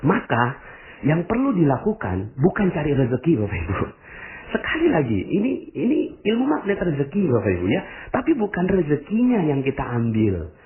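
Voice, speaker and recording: A man's voice: on the high side, huge pitch swings, brisk, a crowd in the background. A man giving a motivational religious talk to an audience, full of rhetorical questions and direct address. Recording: tinny phone-like sound.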